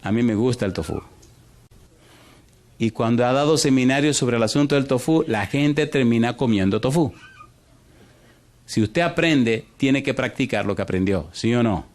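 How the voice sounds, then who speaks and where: A man preaching a sermon as pastor, animated, quizzing the congregation with repeated yes-or-no questions and swinging between rushed and drawn-out delivery. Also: mid-range voice. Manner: animated, shifts pace from fast to drawn out.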